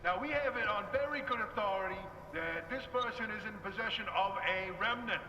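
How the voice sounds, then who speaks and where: A hesitant, officious official on an emergency broadcast. His voice is high and bright, heard from far off in a long-ringing space. Faint noise lies behind. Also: brisk, roomy sound, big-room sound, muffled recording. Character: fussy male official on a broadcast.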